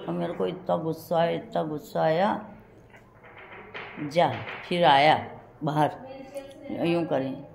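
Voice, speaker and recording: A woman's voice: sits low, steady tone, takes it slowly, creaky, long pauses, a little mellow. An older woman telling her life memories in a rambling storytelling way, acting out what other people said, recorded in a hospital room. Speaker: interviewee recalling her past. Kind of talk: personal memoir storytelling. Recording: roomy recording with crowd noise.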